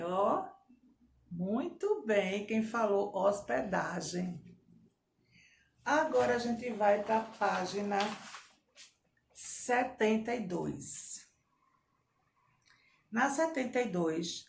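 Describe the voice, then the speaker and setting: A woman teaching a grammar lesson to children, slowly repeating their answers and praising them. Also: medium pitch, expressive, vocal fry, darkish tone. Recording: echoey room with faint background hiss.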